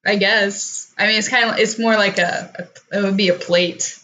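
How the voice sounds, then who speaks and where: A woman's voice: mid-range voice, steady tone, normal speed, pushed and bright, poor audio. Woman, game master, casual narration, easygoing fillers.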